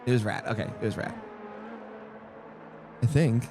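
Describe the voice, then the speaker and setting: A man's voice: medium pitch, measured pace, background noise. A young man rambling through casual live-stream commentary on a sim race, jokey and easily distracted. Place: home streaming setup.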